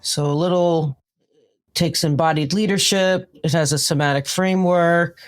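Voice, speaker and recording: Speaking at a normal speed in a fairly low voice, a woman from New York, United States, explains her work as a consultant and trainer. She has a New York accent and is appearing as a guest on a podcast interview.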